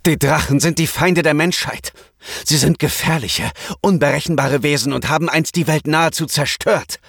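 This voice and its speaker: A man reading a German audiobook, voicing a hot-headed, hostile male bodyguard who blusters forcefully. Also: medium pitch, lively intonation, fairly quick, breathy edge, dry recording, studio quality, pitched above the performer's own voice.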